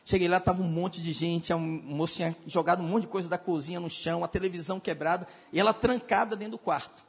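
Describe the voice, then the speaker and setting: Pastor de voz aguda e rouca, em salão com eco. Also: male voice, sits high, fast, breathy edge. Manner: animated storyteller, acts out voices, shouts at climaxes. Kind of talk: sermon with storytelling. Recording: hall reverb.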